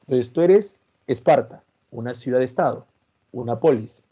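This pre-university history teacher runs a live online lesson, calling on students by name and using everyday examples. His medium-pitched voice is mellow and slightly rough, with lively intonation and a moderate pace. It comes across as stern, which he insists is simply his natural voice, and the sound is lo-fi.

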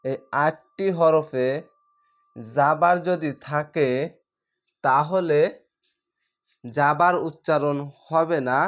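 Very slow, deliberate male Quran-reading teacher. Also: fairly high pitch, fairly bright tone. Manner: drawn-out syllables, repeating each letter and vowel sound. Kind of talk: slow step-by-step recitation lesson.

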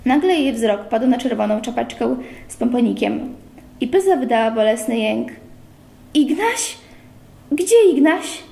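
Woman reader, steady literary narration, mellow gravelly voice, roomy library echo. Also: fairly high pitch, moderate pace. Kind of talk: reading a novel aloud.

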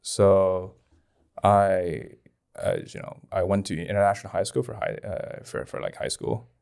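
Speaking into a close boom-arm studio mic in a small indoor podcast studio, a Chinese-accented man in his twenties from Dalian shares casual personal testimony in an interview. His deep voice is creaky, darkish, clear, and resonant, with lively intonation at a measured pace.

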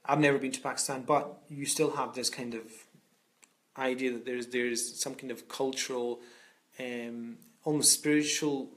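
A Scottish Islamic scholar speaks earnestly from a room at home over a video call, often repeating words as he restarts. His voice is medium-pitched, steady and fairly bright, at normal speed. It's a reflective talk picked up on a webcam.

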